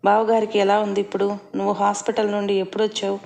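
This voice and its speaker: A woman voicing a caring, busy adult mother who talks softly and reassuringly. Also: mid-range voice, monotone, quick pace, creaky.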